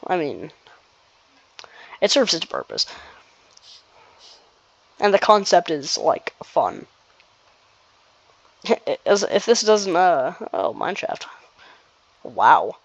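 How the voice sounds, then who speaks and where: Casual gameplay commentator, rambles and restarts a lot, very lively delivery, dry close lo-fi recording. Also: medium pitch, takes it slowly, vocal fry, pauses often, dry recording. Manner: rambling, restarts sentences, nervous laughs.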